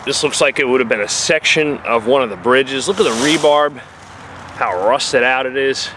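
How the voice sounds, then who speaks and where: In a rough recording with slight background noise, a man speaks at medium pitch and a moderate pace, his tone a bit bright. He is an outdoor explorer vlogger with a New Jersey accent, casually describing his finds in the woods to a handheld camera with plain, filler-dotted narration.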